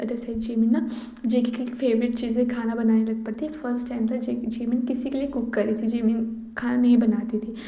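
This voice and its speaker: A woman tells a romance story in a loose, chatty way, full of fillers, and slips into each character's lines as she goes. Her voice is mellow and warm, and it sits a little high for a woman. The room around her is noticeably echoey. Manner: acts out dialogue between characters, many fillers. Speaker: fan fiction narrator. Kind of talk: casual storytelling retelling a romance.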